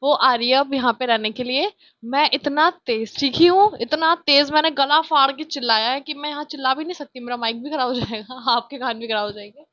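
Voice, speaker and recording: A young woman from India with a childlike voice, chatting loudly and excitably through a casual vlog, filmed on a phone on a tripod. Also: sits high, a little fast, no room sound, highs cut off. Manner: chatty, self-mocking, loud and excitable. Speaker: vlogger.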